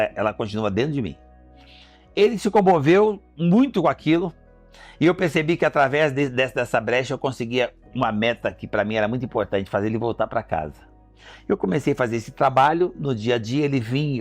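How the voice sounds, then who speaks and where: A middle-aged man with a Brazilian Portuguese accent recounts a personal story with deep feeling, slipping into the voices of the people in it. His voice sits at an ordinary pitch and is recorded dry and close, with soft music underneath. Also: no echo. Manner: emotional, acts out remembered dialogue. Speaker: entrepreneur.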